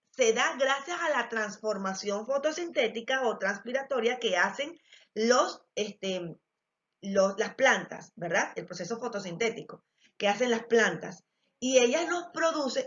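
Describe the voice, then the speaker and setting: A woman with an Ecuadorian Spanish accent teaching a biology class, explaining step by step with frequent fillers and check-ins to the students. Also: fairly high pitch. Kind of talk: recorded class lesson. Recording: dull lo-fi recording.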